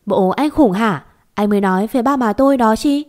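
A woman's voice: a little high, brisk, a little mellow, natural voice. A woman voicing an irritated young woman who scolds sharply and talks curtly.

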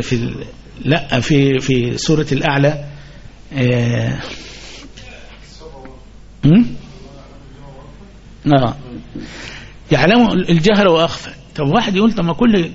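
A man's voice: a little high, vocal fry, slightly rough, dull audio. A man with an Egyptian accent giving a mosque lesson, asking the listeners questions and repeating his key points. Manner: asks the audience questions and repeats key phrases. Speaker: sheikh teaching hadith commentary.

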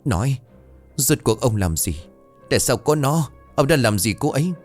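A man voicing a young man in anguish, shouting broken, desperate questions in a ghost story. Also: fairly low pitch, animated, fairly quick, faint music behind, lightly acted.

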